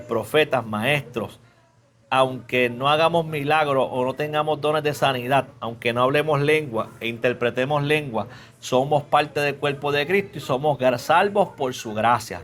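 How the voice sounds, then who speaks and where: Male preacher, mid-pitched, conversational class teacher, faint noise under the voice. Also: fairly bright tone. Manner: casual, chatty, asks the class questions; mixes English fillers into Spanish.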